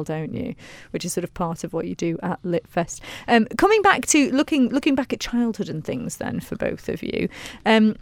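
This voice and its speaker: Radio host, woman, British accent, slightly low voice, chatty interviewing, no room echo. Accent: British English.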